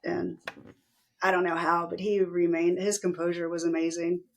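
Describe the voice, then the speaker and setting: A middle-aged woman speaks candidly as an interview guest, her voice carrying a gravelly fry. She retells events vividly, lifting her pitch sharply to act out what others said. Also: moderate pace. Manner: animated retelling, acting out quoted voices with pitch jumps. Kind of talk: candid personal storytelling.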